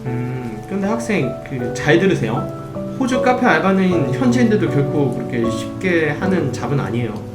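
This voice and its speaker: A man's voice: on the high side, big pitch swings, moderate pace, echoey room, over loud music. A man voicing a blunt male working holiday counselor who gives matter-of-fact advice.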